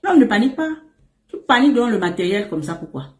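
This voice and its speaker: This relationship coach talks fast in a fairly high voice, offering men laid-back advice and frequently addressing the listener as "my emperor." Her delivery is lively, emphatic, and repetitive, full of playful asides and laughs, and the room sounds echoey.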